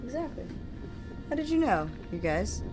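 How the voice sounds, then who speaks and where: A woman streaming a game with casual, playful commentary. Her pitch moves around a lot as she pokes fun at herself, and music plays clearly behind her. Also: very animated, normal speed. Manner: playful, self-deprecating. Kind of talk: casual live gameplay commentary.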